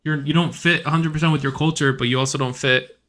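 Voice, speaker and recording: A podcast co-host from the United States chats in a laid-back, rambling way, swearing often and carrying a faint Puerto Rican accent. His voice is a little high and a bit bright, with a steady tone, and he talks fast.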